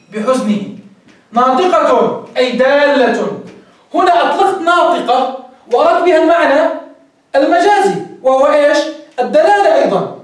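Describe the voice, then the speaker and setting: A man teaching a class on Islamic legal theory, explaining step by step and asking rhetorical questions he answers himself. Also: very high voice. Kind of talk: classroom lecture. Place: classroom with a whiteboard. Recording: echoey room, mic far off.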